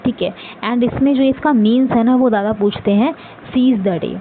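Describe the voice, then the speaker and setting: An Indian woman with a slightly high voice teaching literary terms for exam prep, talking fast and going back over every point. The audio is thin and phone-like, with steady noise underneath. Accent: Indian English. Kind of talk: exam-prep lecture in Hinglish. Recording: tinny phone-like audio with clear background noise.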